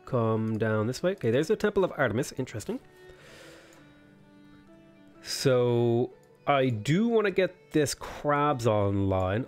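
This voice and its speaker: An Irish let's play host with a sniffly cold casually commentates a strategy game, thinking aloud and weighing his options with plenty of ums. His mid-range voice is a little mellow.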